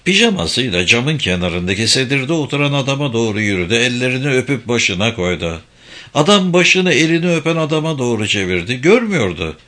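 Guy reading a story out loud, bright sharp voice, steady and expressive. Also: mid-range voice, a little fast. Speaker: narrator.

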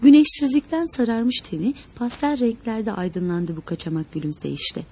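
A woman narrating a novel in an expressive storytelling manner. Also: on the high side, moderate pace, slightly rough. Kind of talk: scripted audiobook narration.

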